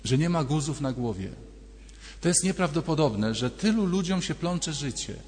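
A man's voice: fairly high pitch, animated, moderate pace, a little mellow. A man preaching a sermon as a priest, telling stories and acting out little dialogues in a conversational way. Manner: storytelling, conversational, acts out dialogues. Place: church. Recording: long church reverb.

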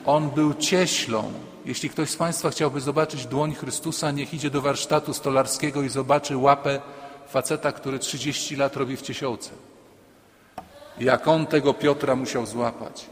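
A man's voice: medium pitch, fairly even intonation, normal speed, slight background noise. A man, a priest, preaching a sermon emphatically, repeating key lines and dropping humorous asides. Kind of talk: sermon to a congregation. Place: church. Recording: long church reverb.

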